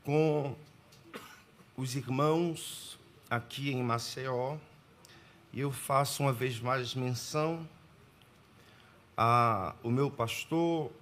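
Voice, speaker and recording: A man from Pernambuco, Brazil, preaching as a guest at a church, greeting the congregation and reading scripture in a formal, deliberate way with measured pauses. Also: mid-range voice, fairly bright tone, a little hiss or hum. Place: church sanctuary.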